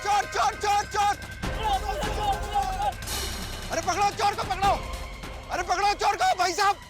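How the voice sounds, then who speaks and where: An actor playing an angry man in a crowd who shouts and scolds while chasing a young thief in a sitcom scene. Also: extremely high pitch, normal speed. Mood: angry shouting. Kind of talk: sitcom acting. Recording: background music under dialogue.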